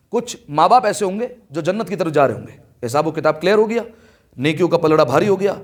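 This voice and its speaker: A man delivering a sermon with impassioned storytelling, raising his voice for quoted lines and asking the listeners questions. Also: on the high side. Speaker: preacher. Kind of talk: Urdu majlis sermon. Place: religious hall.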